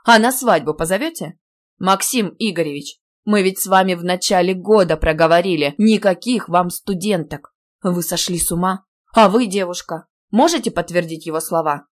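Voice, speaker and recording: A woman's voice: lowish voice, normal speed, lightly acted. Woman voicing a fussy outraged old-school dean. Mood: sarcastic scolding. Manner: loud scolding, theatrical outrage. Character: indignant fussy middle-aged male deputy dean.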